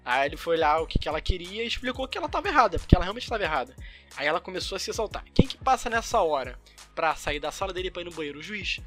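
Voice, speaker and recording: High, bright-voiced Brazilian man telling stories. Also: very fast, faint music behind. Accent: Brazilian Portuguese. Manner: animated storyteller acting out the people in his stories. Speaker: podcast co-host. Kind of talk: casual chat, anecdote telling.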